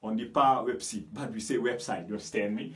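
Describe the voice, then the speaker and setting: Man teaching English pronunciation, checking in. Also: fairly low pitch. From Guinea. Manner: explains slowly, checks understanding with "you understand me?"; switches between French and English. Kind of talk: pronunciation lesson.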